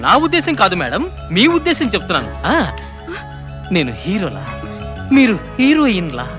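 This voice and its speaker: A man's voice: high voice, wildly swooping pitch, moderate pace, lo-fi sound, over music. An actor playing a cheeky young man who teases and pesters a woman doctor in a comedy film scene. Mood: teasing. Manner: playful, teasing, mock-pleading.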